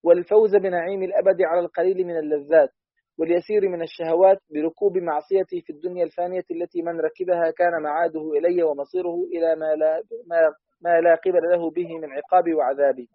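A man reading a classical text aloud in a quick, steady recitation for a study lesson. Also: fairly high pitch, dry recording. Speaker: student reader. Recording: dry, dull lo-fi audio.

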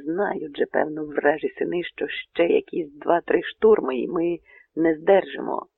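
A man's voice: fairly high pitch, measured pace, gravelly, breathy edge, no echo, exaggerated voice. A man voicing a brooding, stern Cossack colonel who mutters his thoughts, in an audiobook reading. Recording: narrow phone-like radio sound.

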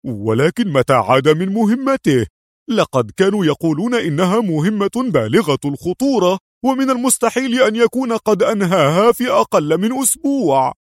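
A male narrator voicing an eager young male officer who talks in an excited, raised, wondering voice. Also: high voice, brisk, no echo, clean studio sound, pitched above the performer's own voice. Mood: amazed.

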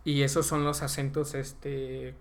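On a casual podcast, a young Mexican co-host gives long explanations, dropping a slang filler into almost every phrase. He speaks a little slowly, at medium pitch, in a level tone.

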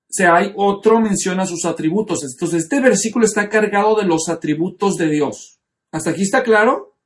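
A man's voice: high-pitched, gravelly. A man teaching a Bible study class, explaining the text step by step and checking in with his students. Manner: explanatory, asks the class questions.

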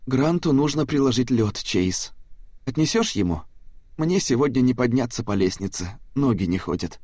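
A man voicing a kind elderly grandmother in an audiobook, speaking in a soft, pleading, worried way. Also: mid-range voice, lively intonation, moderate pace, no echo, clean studio sound, natural voice. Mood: gentle. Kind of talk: audiobook character voice.

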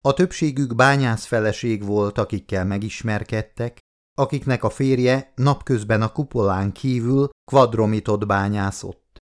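A man narrating an audiobook in a calm, measured reading voice. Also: on the low side. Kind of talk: scripted narration.

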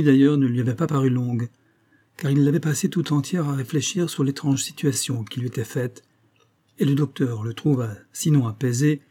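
Narrateur homme de livre audio, lecture posée, voix sombre. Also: male voice, mid-range voice, dark tone, husky. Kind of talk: scripted narration.

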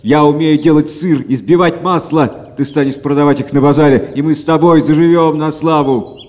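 A man voicing a practical, bossy peasant wife who lays out a plan slowly. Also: a little high, fairly even intonation, darkish tone, natural voice. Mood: coaxing. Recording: echoey reverberant room.

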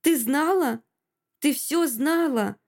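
A woman's voice: fairly high pitch, fairly even intonation, takes it slowly, mellow. Shocked young man, tense and accusing, read by a woman narrator.

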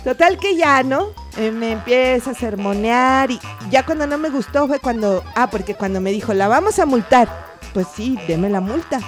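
A woman, her voice sitting a little high, tells an anecdote in a relaxed, chatty way. She slips into the voices of the people she quotes, jumping up and down in pitch to act them out. Faint music plays behind her. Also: normal speed. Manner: animated, acts out the voices of people in her story. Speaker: interview guest. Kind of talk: casual anecdote telling.

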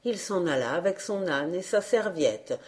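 A woman reading a folk tale aloud in a calm, measured narration. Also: lowish voice. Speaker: audiobook reader.

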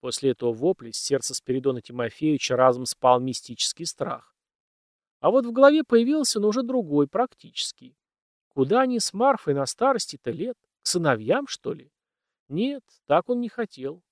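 A man reads a story aloud in an expressive, folksy manner. His pitch is animated and a little high. The recording is close and dry. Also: normal speed, no room sound. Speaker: narrator. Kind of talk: scripted storytelling narration.

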